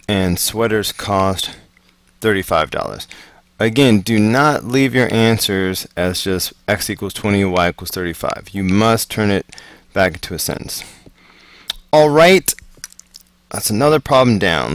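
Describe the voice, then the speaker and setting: A man with a somewhat low voice works through math word problems at a very slow, deliberate pace. His delivery is relaxed and chatty, and the recording is dry and close with no room sound. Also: no echo. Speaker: math teacher. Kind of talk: casual homework walkthrough.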